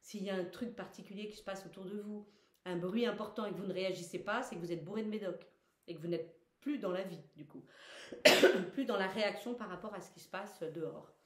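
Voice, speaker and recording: A woman leads a guided self-massage lesson in a calm, even voice at a middle pitch. She gives instructions step by step and explains the reasons for each one. The recording carries a roomy echo. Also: brisk. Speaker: wellness instructor.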